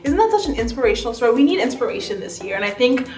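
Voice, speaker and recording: A woman's voice: fairly high pitch, very animated, racing, a little mellow, far from the mic. A woman co-hosting an awards pre-show with gushing, enthusiastic red carpet chatter, often checking for agreement. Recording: echoey room, off-mic, music behind. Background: music.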